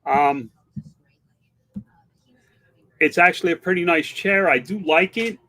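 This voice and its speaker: A man's voice: high-pitched, slow, bright, forceful tone. Candid older-sounding man in his fifties, rambling. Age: 50s. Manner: candid, rambling, with many restarts and fillers. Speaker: online seller and livestream host. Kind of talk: casual livestream chat reading viewer comments.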